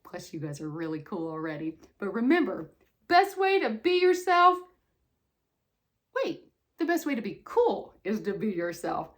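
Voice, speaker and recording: Sweet, animated older woman reading stories. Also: medium pitch, unhurried. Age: older, grandmother. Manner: sweet old lady, affectionate and folksy; exclaiming and expressive. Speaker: grandmother reading a picture book to children. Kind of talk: read-aloud storytelling with chatty asides.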